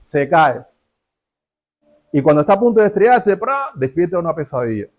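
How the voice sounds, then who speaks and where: Guy preaching a sermon, kinda high voice, keeps asking the congregation questions. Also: expressive, normal speed, a little mellow. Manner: asks rhetorical questions and acts out dialogues.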